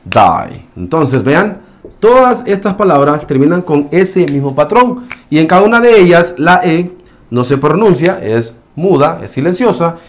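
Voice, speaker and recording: A man teaching an English pronunciation lesson, explaining rules patiently, often checking in with the class and saying example words slowly. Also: on the high side, expressive. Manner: explanatory, with frequent check-ins and slow modeled words.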